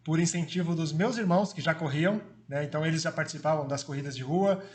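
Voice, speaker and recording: A man's voice: a little high, quick pace, darkish tone. A man in his forties from Brazil, a former marathon runner telling his story as a guest in a friendly, casual way, with fillers. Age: 40s.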